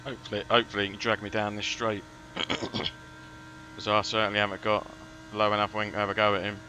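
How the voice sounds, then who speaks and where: Low, even-toned man, bright edge. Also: fairly quick, a little hiss or hum, low-quality recording. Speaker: sim racing driver streaming. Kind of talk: casual commentary while driving.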